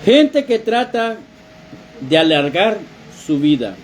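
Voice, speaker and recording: High-voiced man preaching a sermon. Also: big pitch swings, takes it slowly, a little hiss or hum. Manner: storytelling preacher addressing the congregation.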